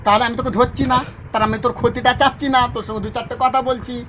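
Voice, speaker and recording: A man's voice: extremely high pitch, level tone, racing, a bit bright, a little hiss or hum. A man acting as an exorcist, who questions a possessed woman in a coaxing, repetitive way and chuckles often. He is outdoors among a crowd. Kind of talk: coaxing interrogation.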